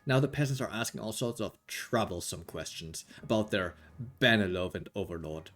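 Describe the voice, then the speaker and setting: A man's voice: lowish voice, moderate pace, a bit bright. A man narrating a board game on a live stream, with dry, wry delivery. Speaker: game storyteller.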